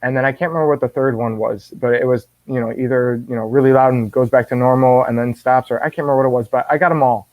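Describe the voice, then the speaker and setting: A man guest telling a personal faith story in an animated way, often restarting and repeating words. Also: medium pitch, fast, few pauses, dry recording. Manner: animated, acts out his own quoted words. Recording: dull dry lo-fi sound.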